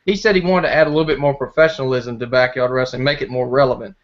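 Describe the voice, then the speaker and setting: A man's voice: mid-range voice, steady tone, quick pace. A young man appearing as a podcast guest, outspoken and brash in casual chat. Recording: dull lo-fi sound.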